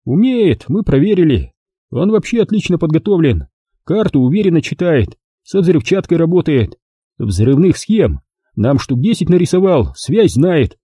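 A man voicing a brutal, loud army brigade commander who talks harshly and threateningly in an audiobook. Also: fairly high pitch, big pitch swings, normal speed, husky, no echo, clean studio sound, pitched above the performer's own voice. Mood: reporting. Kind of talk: audiobook character voice.

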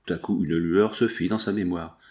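A man narrating a novel in a measured, expressive reading. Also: deep voice. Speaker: audiobook narrator.

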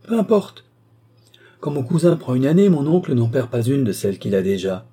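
A man's voice: medium pitch, very animated, moderate pace, dark tone, breathy edge, voice pushed up. A man voicing a proud, principled young man who answers his mother firmly and earnestly. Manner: earnest, firm.

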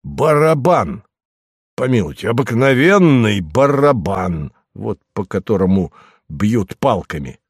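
A man doing a gravelly, gloomy grumbler. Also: lowish voice, very animated, no echo, clean studio sound, heavily acted. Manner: slow, sour, sententious. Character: gloomy, grumbling, bitter middle-aged male landowner. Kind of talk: audiobook character reading.

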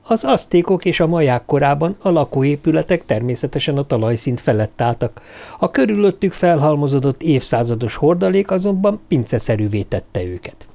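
A man narrating a novel as an audiobook, reading in a steady, measured way. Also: on the high side, gravelly. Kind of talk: scripted narration.

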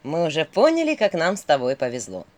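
A woman's voice: deep voice, wildly swooping pitch, fairly quick, a little mellow, voice pushed down. A woman voicing a stern, bossy male owl familiar who speaks curtly and with threats. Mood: mocking. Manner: curt, snorting, threatening.

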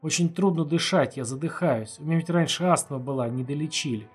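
A man's voice: on the high side, fairly quick, slightly rough, faint music behind. A man narrating an audiobook, voicing a panicking young man who sobs and wails in terror. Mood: tearful. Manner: sobbing, wailing.

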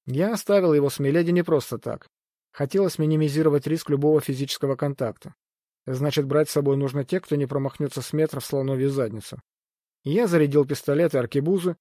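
A man reading first-person adventure fiction aloud as an audiobook narrator, steady and measured. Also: medium pitch, dry recording, clean studio sound.

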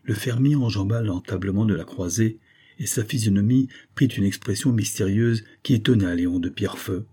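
A man reading a classic novel aloud as an audiobook narrator, in a steady, measured way. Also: lowish voice, breathy edge.

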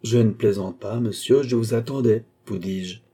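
Man reading a composed aristocratic seer, smooth and ironic, dark husky tone, a little raised pitch. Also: moderate pace. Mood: calm, ironic. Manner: smooth, courteous, quietly mocking. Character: calm, mysterious count who claims to be a seer. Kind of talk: audiobook character reading.

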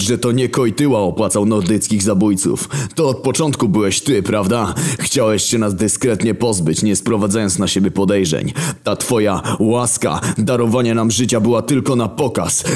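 Brief: a man voicing a blunt, swearing war horseman, loud and contemptuous. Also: lowish voice, normal speed, hardly any pauses, voice pushed up, natural voice. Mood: scornful. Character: blunt, foul-mouthed male horseman War.

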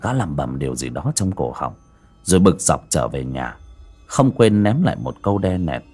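A man giving slow, dramatic scripted narration of a dark folk story. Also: sits low, big pitch swings, breathy edge, faint music behind.

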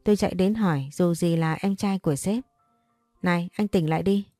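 Mellow-voiced woman narrating an audio story. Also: lowish voice, brisk, no room sound, clean studio sound, faint music behind. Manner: reads every character's lines in her own voice.

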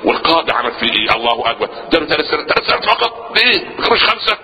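A man preaching a lively sermon in an Egyptian accent, firing questions at his listeners, answering them himself and stumbling into restarts. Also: fairly high pitch, rapid-fire, long reverb tail, slight background noise, low-quality recording. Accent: Egyptian Arabic. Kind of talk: Islamic sermon lesson.

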